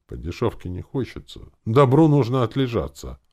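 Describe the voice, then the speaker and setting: A man voicing a crafty, flustered uncle who blusters excitedly. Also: medium pitch, normal speed, pitched above the performer's own voice. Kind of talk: audiobook character voice.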